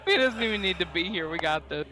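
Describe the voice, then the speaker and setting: A joking man at a tabletop game, teasing the others with quick questions. His voice is high and lively, swinging up and down as he talks. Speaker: player.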